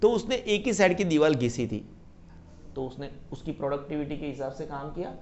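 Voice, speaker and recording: A man's voice: a little high, brisk, darkish tone. A male economics teacher giving a classroom lecture, mixing Hindi and English, often asking students if they have any doubt and singing a catchy mnemonic line.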